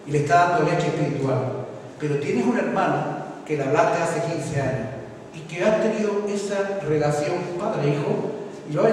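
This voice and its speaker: A man's voice: a little high, darkish tone. Brief: emphatic male preacher, recorded from a distance in a reverberant hall with faint noise. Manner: emphatic, repetitive preaching, addresses congregation as brother. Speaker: pastor. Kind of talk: sermon. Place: church hall. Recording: echoey church hall from far off.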